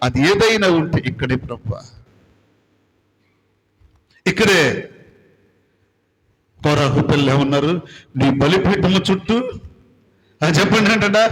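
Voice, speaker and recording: A man preaching a sermon and praying aloud. He pleads over and over and swings from loud cries to hushed whispers. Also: sits high. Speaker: pastor. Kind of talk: emotional Telugu sermon with spoken prayer. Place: large prayer hall. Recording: long hall reverb.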